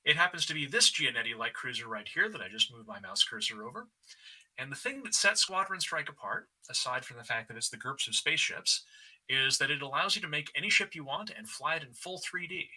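Man, game designer, very bright tone, husky, explanatory, video call. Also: on the high side, lively intonation, fairly quick, poor audio. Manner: explanatory, talks through the map demo. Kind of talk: online panel presentation.

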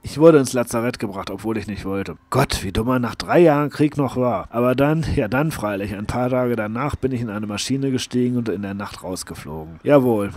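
Man, audiobook reader, low voice, dramatic memoir reading, dry close recording. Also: a little mellow, no room sound. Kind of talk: scripted narration of a memoir.

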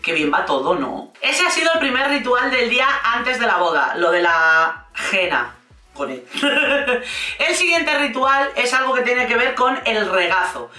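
Soft music plays behind a woman with a Spain Spanish accent as she sarcastically comments on a reality show, swearing freely and acting out quoted lines. Her voice is a little high and sing-song, bright and forceful, at a measured pace. The room is echoey and she's somewhat distant from the mic.

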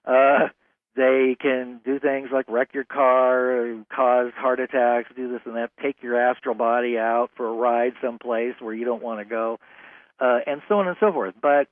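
A man hosting a casual interview, speaking haltingly with many fillers. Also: medium pitch, steady tone, dry recording. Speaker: radio host. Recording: tinny phone-like radio line, dry.

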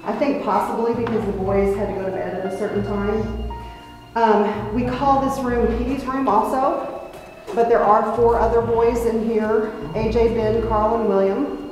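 Lady tour guide explaining stuff, kinda high voice, music behind her. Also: fairly even intonation, normal speed, a little mellow. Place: indoors in a large old building. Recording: echoey room with music behind.

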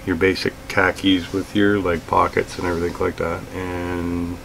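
A middle-aged man in a small gear-filled room, talking casually to camera about budget outdoor gear, relaxed and plain-spoken with frequent fillers. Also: low-pitched, normal speed, gravelly, slight background noise, low-quality recording. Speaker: outdoors vlogger.

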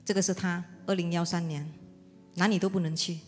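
A woman's voice: on the low side, little pitch movement. Middle-aged woman pastor in a reverberant hall. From Indonesia. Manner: earnest, vivid storytelling with hesitant pauses. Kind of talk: personal testimony sermon. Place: church auditorium. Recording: long hall reverb with soft music. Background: soft instrumental music.

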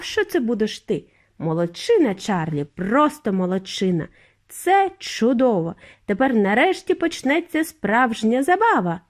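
Woman reader doing a giddy eccentric factory owner, lively and high, storybook style. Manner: bouncy, exclamatory, urging. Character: eccentric excitable male factory owner, jubilant.

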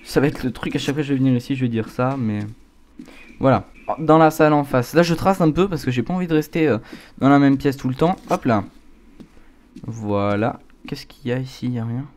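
A man's voice: medium pitch, fairly quick, a little mellow. A man giving casual horror game commentary, a scared, jumpy gamer reacting aloud as he plays. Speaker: video game streamer. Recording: clear background noise.

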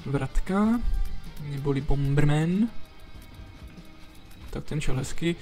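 A man giving relaxed let's play commentary, chatting to himself and to the enemies as he plays. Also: fairly high pitch. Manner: chatty, talks to himself and to enemies while playing. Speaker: gameplay commentator. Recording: faint background game music. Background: game music.

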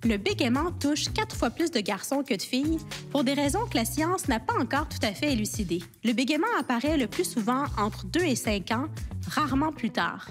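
A woman giving calm scripted documentary narration in an even, informative way. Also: sits high, normal speed, faint music behind.

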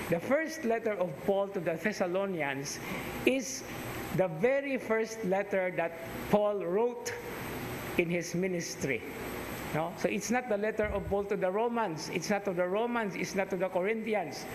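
A middle-aged priest with a Cebuano Filipino accent giving a conversational, teacherly homily, dropping into Cebuano asides. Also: male voice, high-pitched. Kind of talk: sermon. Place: chapel altar, indoors. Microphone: stand mic at pulpit. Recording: echoey church with background hiss.

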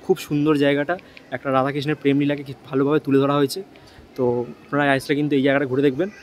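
A man's voice: on the high side, little pitch movement, slight background noise, low-quality recording. A man hosting a casual travel vlog, guiding viewers chattily around temple grounds as he walks. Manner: rapid chatty guiding, addresses viewers directly. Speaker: travel vlogger host.

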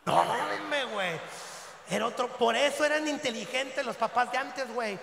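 High, gravelly Mexican comic. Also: male voice, moderate pace, slight background noise. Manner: vulgar, rowdy, bursts into shouting. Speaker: stand-up comedian. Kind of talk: crude stand-up routine to a live crowd. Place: live show venue at a fair. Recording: echoey live hall with long reverb.

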